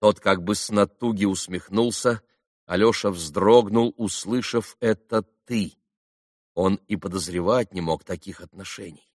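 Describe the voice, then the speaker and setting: A man reading a classic novel aloud as an audiobook narrator, in a measured, steady reading style. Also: lowish voice, dry recording, studio quality. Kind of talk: scripted narration.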